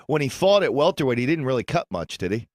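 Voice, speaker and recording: A man co-hosting sports radio talk, agreeable and relaxed, often dropping low at the ends of phrases. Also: quick pace, no echo, studio quality.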